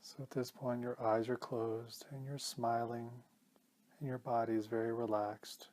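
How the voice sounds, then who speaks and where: This is a meditation teacher, a man, guiding listeners through a session. His mid-range voice stays measured and gentle, calm throughout, with regular pauses.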